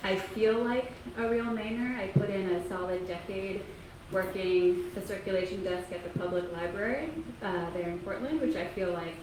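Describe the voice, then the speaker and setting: Speaking in a medium pitch, a woman from Kentucky gives a casual library talk as an author. Her manner is soft-spoken and halting, with lots of ums, and the public library meeting room where she speaks is echoey, with faint noise.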